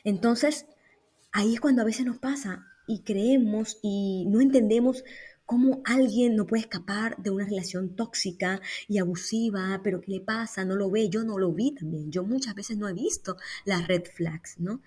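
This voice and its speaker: A mother hosting her own parenting podcast, talking to listeners in a lively, conversational way and often checking in with tag questions. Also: medium pitch, normal speed, breathy edge. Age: adult, raising young children. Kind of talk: solo parenting podcast talk.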